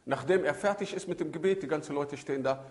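An Islamic preacher gives a religious talk on raising children, telling stories animatedly with shifting emphasis and mixing in Arabic religious phrases. His voice is a little high and he talks fast.

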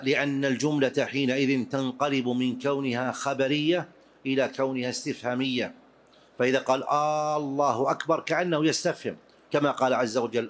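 A man at a middle pitch gives a classroom lesson on religious law. He explains each rule step by step and repeats the main points so his students can follow. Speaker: Islamic jurisprudence teacher. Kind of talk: classroom lecture on prayer rules.

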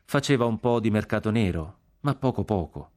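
A man's voice: on the low side, expressive, moderate pace, a little mellow, close to an everyday voice. A man reading aloud and voicing a grieving Roman woman who speaks with hesitant embarrassment. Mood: plaintive.

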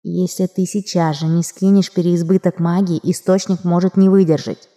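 A woman's voice: on the low side, fairly even intonation, moderate pace, warm tone, lightly acted. A woman voicing a cheeky, sardonic male arctic fox familiar in an audiobook, with a snide, mocking manner. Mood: coaxing.

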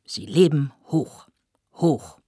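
A woman reading a novel aloud, voicing an older gentleman who gives a flowery, gallant toast at a dinner. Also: sits low, expressive, takes it slowly, breathy edge, dry recording, clean studio sound, full character voice. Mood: jovial.

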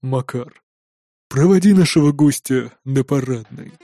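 A man voicing a cold, weary male official who speaks slowly and flatly. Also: mid-range voice, soft background music, voice pushed down, lightly acted. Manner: cold, slow, tired.

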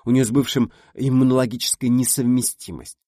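A man's voice: fairly even intonation, fairly quick, mellow, no echo, clean studio sound, close to an everyday voice. A man voicing a confident woman scientist who teases and confides in her friend in an audiobook. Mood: confiding. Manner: teasing, knowing, lowered confiding tone.

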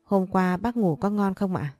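A woman's voice: medium pitch, moderate pace, dark tone, no echo, soft background music, natural voice. A woman voicing a scheming young woman who fawns with false politeness in a storybook reading. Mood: sugary.

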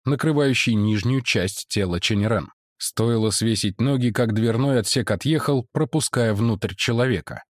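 A man reading a science-fiction story aloud as narrator, in an expressive, melodic manner. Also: lowish voice, no room sound, clean studio sound. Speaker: audiobook reader.

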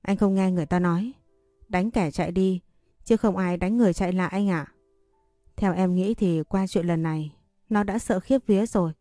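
A woman reading a story voicing a calm, clever young wife who reassures her husband gently. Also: lowish voice, moderate pace, no echo, studio quality, soft background music, lightly acted. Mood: reassuring.

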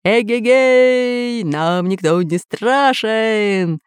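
A boisterous would-be air pirate from a children's story, as a woman narrator plays him. He shouts out his words in a low, drawn-out, hearty way, recorded close and dry. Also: lively intonation, creaky, dry recording.

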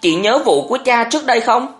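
A narrator doing an earnest, defensive younger brother. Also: male voice, sits high, lively intonation, normal speed, fairly bright tone, pitched above the performer's own voice. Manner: pleading, earnest.

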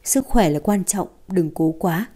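A woman reading the part of a brash, curious young woman who chats freely and bristles quickly. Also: lowish voice, animated, warm tone, breathy edge. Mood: chatty.

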